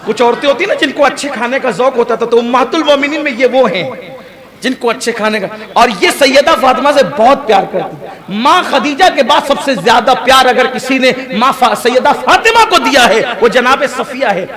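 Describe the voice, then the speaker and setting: Man preaching with a very high, fervent delivery; live sermon with an audible crowd behind him. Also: animated. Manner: fervent, rises to high emphatic peaks, rhetorical asides to the audience. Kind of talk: impassioned sermon.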